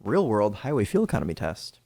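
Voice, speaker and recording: A man's voice: lowish voice, wildly swooping pitch, a little fast, creaky, dark tone, husky. A young man co-hosting a car podcast, chatting casually and spinning exaggerated jokes. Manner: joking, rambling, exaggerating. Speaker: podcast co-host. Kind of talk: casual chat.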